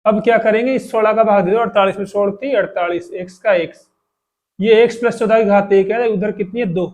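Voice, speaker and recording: A man with a fairly high voice teaches a math lesson at the board. He walks through each step patiently and repeats it. He keeps asking his students questions as he goes. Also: steady tone, fairly quick, a little mellow. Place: classroom with boards.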